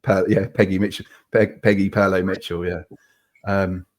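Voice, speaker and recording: Norfolk-accented male host, low-pitched, casual joking chat. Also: flat delivery, moderate pace.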